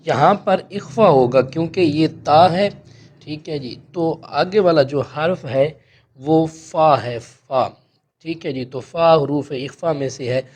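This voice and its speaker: A man's voice: on the high side, a little mellow. A man teaching Quran recitation, explaining each letter and rule patiently and checking in with his students. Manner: slow drawn-out chanted recitation of verses.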